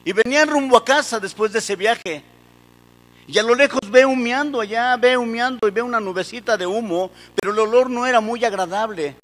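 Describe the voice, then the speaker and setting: A man's voice: very high-pitched, brisk, a bit bright, in a large hall. A man preaching a sermon with passion and urging the congregation to repeat phrases after him. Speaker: pastor.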